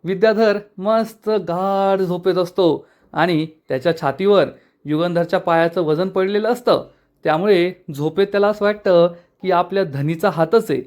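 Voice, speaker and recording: A man with a fairly high voice, recapping a TV serial episode. He tells the plot as an animated story. He quotes the characters' lines along the way. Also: moderate pace. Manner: animated storytelling, quoting dialogue. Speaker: TV serial reviewer.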